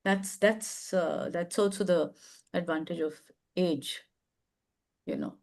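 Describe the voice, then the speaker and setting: Her voice sits low and slow, with a creaky, slightly mellow quality. As host of a video-call advice chat, she reflects, offers affirmation, and keeps breaking off to begin her sentences again.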